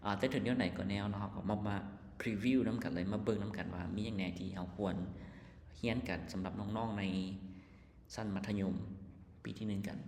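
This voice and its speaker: A man with a Lao accent teaching an English lesson, explaining words slowly and spelling them out letter by letter. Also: fairly low pitch, darkish tone, slight background noise. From Laos. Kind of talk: casual lesson walkthrough. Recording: echoey room with long reverb.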